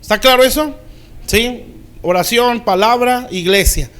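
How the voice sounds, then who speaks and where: A man's voice: extremely high pitch, measured pace, fairly bright tone. A man preaching a sermon as pastor, in a plain conversational way, often checking with the congregation whether they follow.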